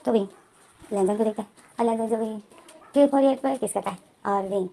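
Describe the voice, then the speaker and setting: Woman, storyteller, chatty retelling, quick, warm and mellow. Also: fairly high pitch, vocal fry, a little hiss or hum. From India. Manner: chatty, retells the plot and voices the characters' lines herself. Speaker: story narrator. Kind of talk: casual retelling of a fan fiction story.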